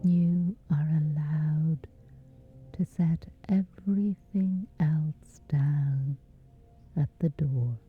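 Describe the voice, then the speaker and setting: A low-pitched woman leads a slow guided sleep meditation, her whispery, breathy voice kept soft, gentle and soothing. She leaves long, measured pauses between phrases. Music runs in the background, and her audio comes through dull and muffled beneath it.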